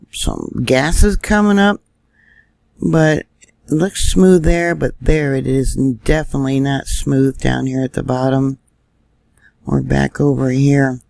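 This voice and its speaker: Gravelly man musing over screen maps. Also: mid-range voice, darkish tone, no echo. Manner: thinking aloud, trailing fillers. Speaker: news vlogger. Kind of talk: casual screen-share commentary.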